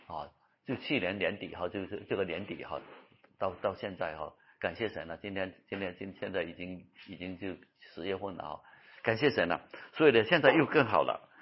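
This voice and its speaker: A man's voice: on the low side, slightly rough. A man preaching a sermon, telling stories with lots of repeated phrases, in a dull lo-fi recording. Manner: animated storytelling, repeating phrases.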